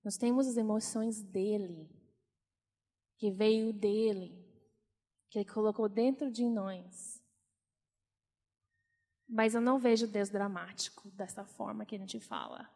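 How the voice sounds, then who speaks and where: A woman preaching to girls in an earnest, gently encouraging conversational way. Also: mid-range voice, animated, a little slow, long pauses, in a large hall. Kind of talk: conversational sermon.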